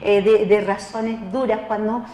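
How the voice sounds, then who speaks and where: A woman's voice: a little slow, a little hiss or hum. A woman preaching at a spiritual seminar. She talks straight to the listener and acts out the people she quotes. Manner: expressive, acts out quoted voices with rising pitch; addresses listener directly as tú. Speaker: lay preacher teaching a seminar. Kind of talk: spoken sermon teaching. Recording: roomy hall with long reverb.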